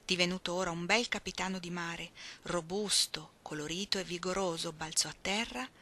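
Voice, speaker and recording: A woman reading a novel aloud, slow and expressive, sometimes dropping to a soft whisper. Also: lowish voice. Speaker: audiobook reader. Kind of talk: literary reading.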